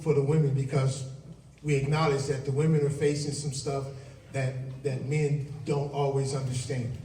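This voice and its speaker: A man's voice: a little high, mellow. A man hosting a talk and speaking emotionally and directly to the audience. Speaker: event host and fellow speaker. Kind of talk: public talk and Q&A. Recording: distant roomy live recording with faint noise.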